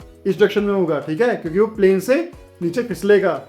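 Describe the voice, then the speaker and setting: High-voiced man teaching physics. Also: a little mellow, soft background music. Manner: chatty, keeps asking "theek hai bachchon"; reads the question aloud slowly. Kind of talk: online physics lesson.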